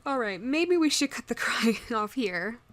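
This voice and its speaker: A woman voice actor playing a caring young woman friend who comforts the listener in an audio role-play, speaking in a soothing, protective and gently teasing way. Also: fairly high pitch, very animated, unhurried. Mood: consoling.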